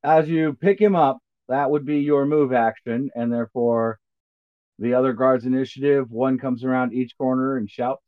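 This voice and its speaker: A man running a tabletop role-playing game as game master, calling rolls in a relaxed, matter-of-fact way. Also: mid-range voice, normal speed, phone-quality sound.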